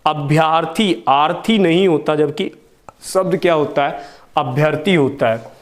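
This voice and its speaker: A man teaching a spelling lesson, who asks questions to the class and answers them himself, drawing out each example word. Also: on the high side. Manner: slow and deliberate, drawing out example words. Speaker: Hindi teacher.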